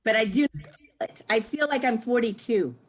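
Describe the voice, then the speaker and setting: A woman in her sixties giving a casual, lively testimonial, laughing often. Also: fairly high pitch, moderate pace, poor audio. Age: 60s. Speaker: guest speaker.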